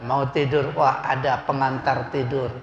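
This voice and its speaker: A man's voice: mid-range voice, level tone, a little slow, highs cut off. A middle-aged man preaching as a hajj guide, folksy and chatty, acting out the people in his stories. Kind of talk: sermon with storytelling. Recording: echoey hall with faint music.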